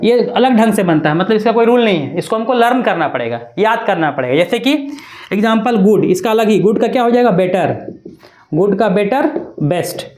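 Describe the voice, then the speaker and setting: A woman's voice: medium pitch, expressive, a little fast, a little mellow. A woman teaching an English grammar lesson, spelling words out letter by letter and checking in with her students often. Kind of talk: classroom-style grammar lesson.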